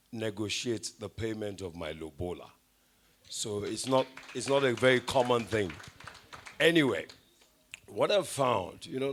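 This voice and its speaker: A man from Nigeria giving a wry, anecdote-filled public speech at an event. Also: lowish voice. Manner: anecdotal, wry, switches into Pidgin asides. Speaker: event speaker. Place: event hall.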